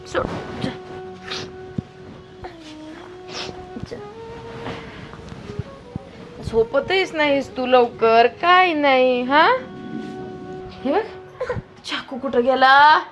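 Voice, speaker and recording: A woman's voice: sits high, full character voice. A woman playing a weepy, worn-out young mother. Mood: coaxing. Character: exhausted young mother, weepy, overwhelmed by baby. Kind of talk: comic family sketch acting. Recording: loud background music.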